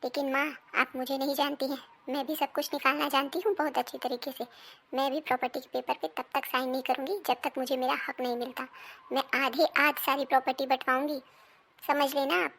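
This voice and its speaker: A woman voices the dramatic women of a squabbling Indian household in an animated moral story: daughter, mother and daughter-in-law. Her very high voice has a gravelly creak, runs a little fast, and carries a little hiss or hum. Indignant and demanding, she scolds and pleads emphatically, like a family melodrama.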